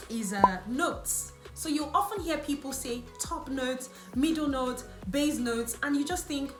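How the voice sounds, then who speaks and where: Speaking to camera in an echoey room with faint music in the background, a woman beauty and lifestyle vlogger, not a native English speaker, explains things in a chatty manner and keeps correcting herself. Her voice sits on the high side.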